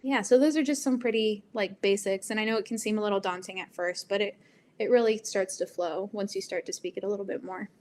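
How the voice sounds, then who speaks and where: A woman's voice: medium pitch, fairly even intonation, quick pace, a little mellow, a little hiss or hum. A woman giving a casual online presentation on Spanish pronunciation, chatty with frequent ums, likes and laughs. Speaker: presenter teaching Spanish basics.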